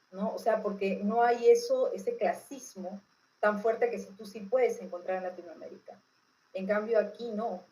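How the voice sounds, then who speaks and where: Speaking with a Peruvian accent, a woman from Peru is interviewed as a political expert and explains informally, didactically checking understanding with frequent tag questions. Her mid-range voice has a dark tone, and the recording quality is low.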